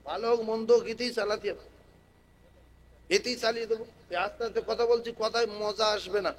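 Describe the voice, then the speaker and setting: A man preaching a sermon to a gathering over a public address microphone. He moves from quiet, chatty explanation to loud, drawn-out chanting and rallying call-and-response with the crowd. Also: sits high, steady tone, a little hiss or hum, low-quality recording. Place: outdoor religious gathering with loudspeakers.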